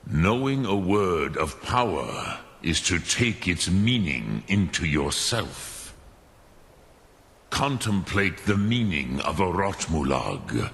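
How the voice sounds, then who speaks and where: In a low-pitched, sing-song voice with a fairly bright tone, a man plays a wise, ancient dragon mentor from a fantasy video game. He sounds gravelly and ponderous, musing with pauses and dragon-tongue words, all in an exaggerated voice.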